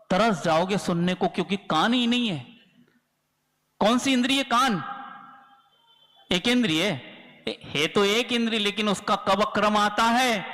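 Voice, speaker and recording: A man's voice: extremely high pitch, sharp tone. A man preaching a sermon as a monk, acting out little dialogues and putting questions to his listeners. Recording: reverberant hall.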